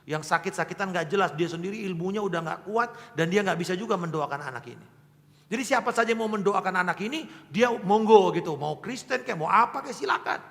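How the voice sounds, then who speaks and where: A man preaching a sermon as a pastor, telling stories with shifts between loud emphasis and hushed asides. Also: high-pitched, expressive, quick pace, vocal fry, in a large hall. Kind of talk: sermon storytelling.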